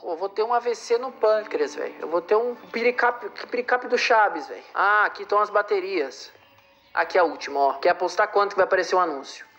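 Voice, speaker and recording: A man's voice: high-pitched, fairly quick, fairly bright tone, muffled recording. A man doing comedic gameplay commentary, ranting and mocking the ads that keep interrupting him. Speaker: game streamer.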